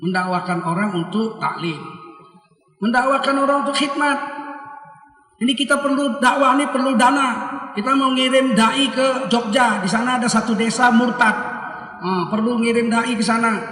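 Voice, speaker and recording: Man preaching, high bright voice, animated, acts out dialogues, roomy far-off sound. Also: normal speed. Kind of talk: sermon. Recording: echoey hall, from far off.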